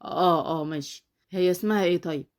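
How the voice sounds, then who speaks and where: A woman's voice: lowish voice, a little fast, a little mellow, lightly acted. Woman voicing a cold offhand doctor. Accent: Egyptian. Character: cold indifferent male doctor.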